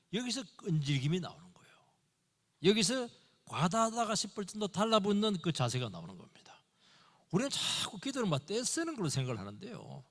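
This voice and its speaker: A middle-aged man preaches a Sunday sermon in a church, his voice swinging widely as he acts out little dialogues in quick bursts. It sits a little high for a man. Long reverb from the sanctuary trails every phrase. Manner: animated preaching, acting out dialogue in short bursts. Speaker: pastor.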